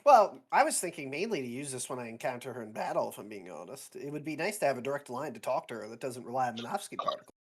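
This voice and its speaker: Low-voiced playful woman player. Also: very animated, fast talker, a little mellow, breathy edge. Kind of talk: casual tabletop game chat.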